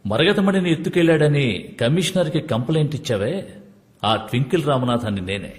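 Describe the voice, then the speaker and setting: A man's voice: a little high, lively intonation, brisk, echoey room, in a large hall, slight background noise, lightly acted. An actor playing a boastful gang boss lecturing his captive in a comedy film scene.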